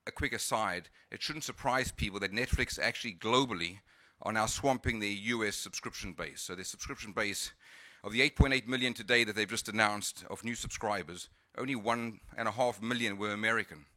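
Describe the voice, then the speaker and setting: With a lowish, sharp-toned voice and a fairly quick pace, a South African man presents at a conference in an accent mixing Cape Town and California. He frequently hesitates, leans on fillers and restarts his sentences, and there's no room sound.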